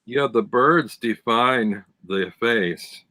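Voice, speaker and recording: A man's voice: mid-range voice, extremely slow, pushed and bright, no echo. A man co-hosting a casual live-stream chat, talking enthusiastically and describing details over a video call. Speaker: tarot deck reviewer, co-host.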